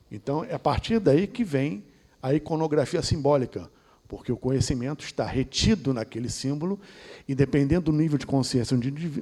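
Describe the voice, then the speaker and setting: A man's voice: medium pitch, warm tone. A man with a Brazilian accent giving a discursive esoteric lecture and often ending points with a tag question. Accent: Brazilian Portuguese.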